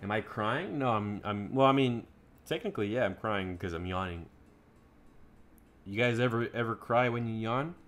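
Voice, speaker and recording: A man's voice: lowish voice, moderate pace, fairly bright tone, slight background noise. A man live streaming a shooter game, chatting casually and swearing with his viewers. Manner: laid-back, profane, chatting to viewers. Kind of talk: casual gameplay commentary.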